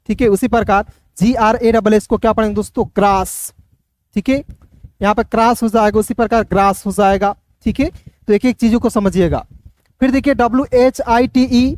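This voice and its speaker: Man spelling words out slowly. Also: high voice, steady tone, darkish tone. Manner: patient, spells words letter by letter and asks the class. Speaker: English reading teacher. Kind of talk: spelling-and-reading lesson.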